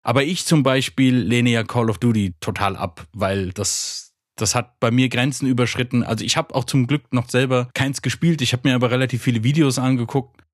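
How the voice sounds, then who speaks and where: A man's voice: mid-range voice, a little fast, few pauses, no echo, clean studio sound. Rambling male podcast guest. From Frankfurt, Germany. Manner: rambling, enthusiastic, self-interrupting. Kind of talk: casual podcast chat.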